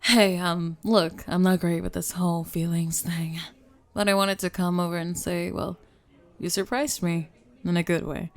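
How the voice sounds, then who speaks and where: A woman's voice: on the low side, flat delivery, measured pace. Woman acting a tough but awkward, guarded woman. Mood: awkward, softened. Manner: hesitant, casual, awkward. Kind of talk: scripted ASMR role-play.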